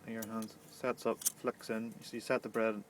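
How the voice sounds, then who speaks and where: A man's voice: fairly low pitch, little pitch movement, normal speed. A man in casual, unscripted conversation as a camper van vlogger. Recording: faint background noise.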